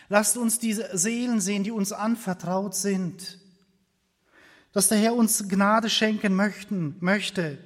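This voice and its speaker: A man with a high voice preaches a sermon slowly and earnestly, building on repeated phrases and at times sinking almost to a whisper. His words ring out with the long reverb of a church hall.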